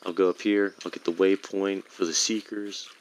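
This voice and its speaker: A man's voice: sits low, flat delivery, moderate pace. A man giving casual, rambling commentary while playing a game, often correcting himself mid-sentence. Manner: rambling, self-correcting explanations. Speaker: gameplay streamer.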